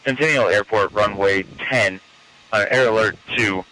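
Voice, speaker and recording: A man's voice: fairly low pitch, moderate pace, poor audio. Man dispatching over a two-way radio. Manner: flat, clipped dispatch calls. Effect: heard over a two-way radio. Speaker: emergency dispatcher.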